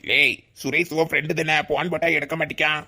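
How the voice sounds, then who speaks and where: A man's voice: fairly high pitch, level tone, fast, bright, forceful tone. A man voicing a scheming older suitor in a cartoon, with a Kanyakumari Tamil accent and a coaxing, wheedling manner. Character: scheming older brother type, persuasive suitor. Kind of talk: cartoon voice acting.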